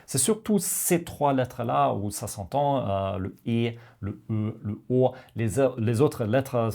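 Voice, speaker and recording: A man teaching pronunciation to learners, talking slowly with many pauses and hesitant fillers. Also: medium pitch, lively intonation, vocal fry, darkish tone. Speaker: language teacher.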